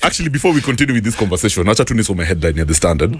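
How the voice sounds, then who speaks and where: A man with a Kenyan accent hosting a casual radio chat, animated and reading out newspaper headlines. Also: fairly low pitch, rapid-fire, noisy background. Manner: lively, animated, reads headlines aloud. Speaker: radio show host. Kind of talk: casual radio chat mixing English and Swahili. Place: radio studio.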